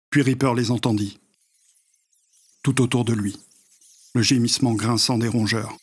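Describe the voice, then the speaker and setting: A male narrator reads a story aloud. His voice sits at an ordinary middle pitch. He keeps a steady, measured reading pace throughout. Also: breathy edge. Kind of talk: audiobook narration.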